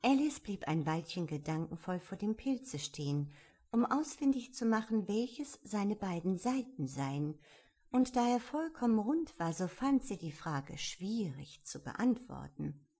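A woman narrating a storybook in a calm, measured reading voice. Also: mid-range voice, husky.

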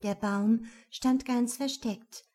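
A woman reading a fairy tale aloud in a measured, expressive way. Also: a little high. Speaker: storyteller.

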